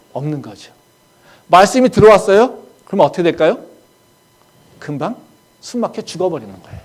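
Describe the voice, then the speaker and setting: High-voiced male pastor preaching. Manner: conversational preaching with rhetorical questions; acts out quoted lines in a hushed voice. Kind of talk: sermon. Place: church.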